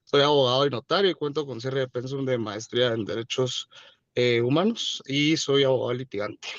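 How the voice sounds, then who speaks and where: Formal Guatemalan lawyer, dry line. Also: male voice, medium pitch, fairly quick, no echo, highs cut off. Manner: formal, polite. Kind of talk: self-introduction on a video call. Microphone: video call.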